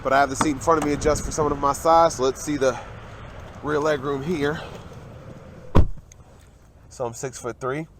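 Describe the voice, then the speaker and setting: His voice is a little high and steady, at normal speed with long pauses, and the background is noisy. The speaker, a young car reviewer getting over a cold, casually walks in and around a parked car outside, pointing out what it has.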